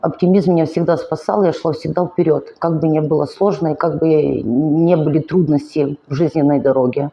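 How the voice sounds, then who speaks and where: A weary Ukrainian vlogger in her forties gives a personal confessional monologue, finding speech hard. Her voice sits low with a steady, warm tone, and her delivery is earnest, emotional, slow and halting. The audio is poor.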